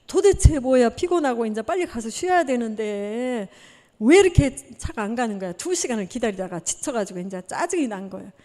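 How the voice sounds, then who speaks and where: A woman missionary preaching a testimony sermon, telling her story in an animated way and acting out the dialogue. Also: fairly high pitch. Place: church sanctuary. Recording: long reverb of a church hall.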